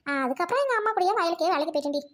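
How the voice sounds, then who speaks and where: A woman's voice: very high voice, expressive, very fast, a bit bright. A woman playing a harried middle-aged village mother with a rural Trichy Tamil accent, grumbling and scolding in a comedy skit.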